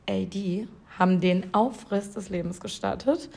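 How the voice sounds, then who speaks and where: A young woman in casual chat, telling a story with animated quoted voices and frequent laughter. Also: mid-range voice, a little slow, vocal fry.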